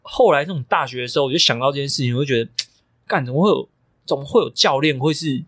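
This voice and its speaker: A man's voice: medium pitch, fast talker, a bit bright, breathy edge, dry recording. A young man, a coach co-hosting a podcast, telling stories emphatically and swearing freely. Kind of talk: casual podcast chat.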